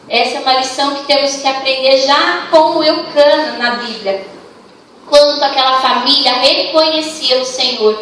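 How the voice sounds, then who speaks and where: Young Brazilian woman preacher, high voice, heard from a distance in a very echoey church hall. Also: a little hiss or hum. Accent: Brazilian Portuguese. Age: young adult. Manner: warm storytelling, acts out dialogue. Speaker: youth congress leader and preacher. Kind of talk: sermon.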